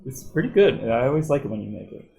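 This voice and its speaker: Man, medium pitch, podcast co-host, casual chat, halting, restarts a lot. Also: very animated, gravelly, darkish tone, faint music behind. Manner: hesitant, halting, full of restarts.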